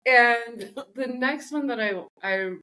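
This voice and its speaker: A woman's voice: on the high side, slow pace, bright, forceful tone. A woman co-hosting a podcast in casual chat, telling stories in a joking, rambling way. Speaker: podcast co-host.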